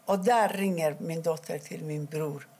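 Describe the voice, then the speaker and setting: Gravelly husky-voiced woman telling her story. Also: low voice, a little mellow. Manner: halting, with restarts and quoted dialogue. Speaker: interviewee. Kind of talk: personal account in an interview.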